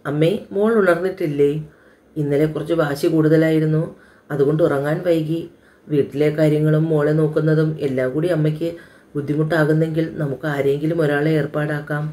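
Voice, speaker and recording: A woman voicing a gentle young widowed father who answers his mother in a patient, quietly firm way, in an audio storybook. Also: on the high side, level tone, fairly quick, lightly acted. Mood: earnest.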